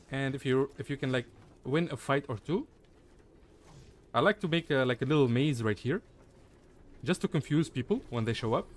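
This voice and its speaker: With a medium-pitched voice and a bit of hiss or hum on the recording, a young gaming guide creator talks his viewers through a video game. He's chatty and casual, packs in plenty of fillers, and keeps calling his audience "guys."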